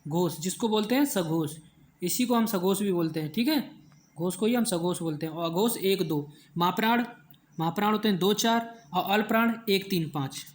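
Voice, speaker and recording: Online exam-prep teacher, mid pitch voice, keeps repeating stuff and quizzing u. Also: normal speed, a little hiss or hum. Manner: repetitive drilling, constantly quizzing the listener; counts through letters and options aloud.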